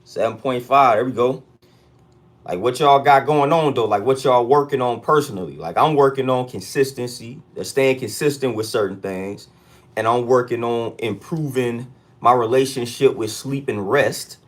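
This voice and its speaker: A man's voice: mid-range voice, moderate pace. An American man hosting a casual livestream check-in, talking in street slang and repeating hype catchphrases. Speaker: livestream host.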